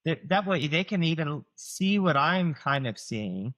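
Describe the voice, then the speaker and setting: Here the Southern-accented chiropractor, a man in his forties, is expressive and keeps a measured pace, his voice a little high with a fairly bright tone. He's a podcast guest giving casual explanations heavy with fillers and acted-out patient quotes.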